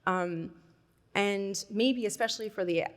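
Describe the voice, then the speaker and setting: A woman's voice: mid-range voice, unhurried. A woman giving a conversational conference presentation, thinking aloud with fillers. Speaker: conference speaker.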